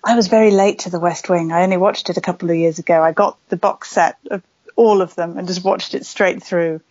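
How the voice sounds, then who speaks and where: A fairly low, darkish, steady voice belongs to a woman author from West Wales, speaking briskly as a podcast guest. She talks casually and at length, chatty and full of fillers. The sound is lo-fi with no room sound.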